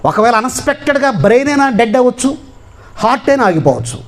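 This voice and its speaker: A man's voice: very high-pitched, very animated, very fast. A man preaching a sermon with a Telugu accent, emphatic and repetitive. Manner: emphatic preaching with repeated phrases. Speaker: pastor.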